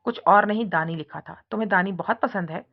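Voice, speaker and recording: A woman voicing a feisty, defiant young heroine who snaps back with quick scolding retorts in an audiobook reading. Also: medium pitch, vocal fry. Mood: indignant. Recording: muffled recording with soft music.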